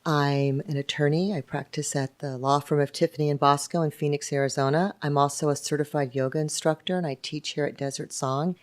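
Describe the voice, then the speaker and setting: A woman in her fifties, an attorney and yoga instructor, speaking in a measured, matter-of-fact way in an interview. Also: low voice, fairly even intonation. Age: 50s. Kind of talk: reflective interview talk. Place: yoga studio, indoors.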